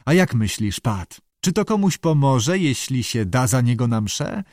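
A man's voice: medium pitch, big pitch swings, measured pace, darkish tone, no room sound, studio quality. A man voicing a big, gloomy, stubborn male Swedish sailor in an audiobook, speaking in a blunt, growling way. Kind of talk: audiobook character voice.

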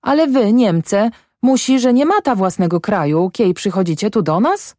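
A woman's voice: medium pitch, moderate pace, mellow, no echo, clean studio sound, voice pushed up, close to an everyday voice. A woman voicing a wary, suspicious middle-aged peasant wife in a storybook. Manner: wary, half-voiced remarks.

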